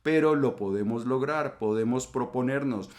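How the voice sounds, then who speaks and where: Male host, middle-aged, calm and explanatory, mid pitch, reflective channel talk. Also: moderate pace. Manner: calm explanatory, acts out quoted insults.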